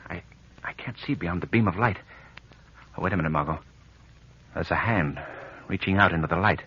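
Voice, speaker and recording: An actor playing a mysterious, commanding crime-fighter in a theatrical 1940s radio mystery style, precise and menacing. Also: male voice, deep voice, fairly quick, slightly rough. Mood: puzzled, tense. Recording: dull old-time radio recording.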